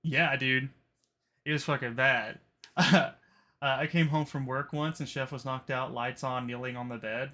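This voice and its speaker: A man's voice: medium pitch, fairly even intonation, measured pace, pushed and bright. A man hosting a casual podcast, rambling with lots of fillers and swearing freely. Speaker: podcast host. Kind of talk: casual chat.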